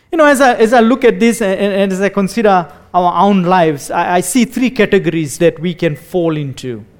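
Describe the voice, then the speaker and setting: A man preaching a sermon, reading dramatically and dropping to a hush, repeating words as he speaks off the cuff. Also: sits high.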